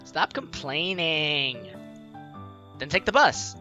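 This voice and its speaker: A young man with a fairly high, bright, forceful voice reads a visual novel aloud slowly and animatedly, commenting on it as a let's play host. Game music plays behind him as he delivers playful, theatrical, jokey reactions.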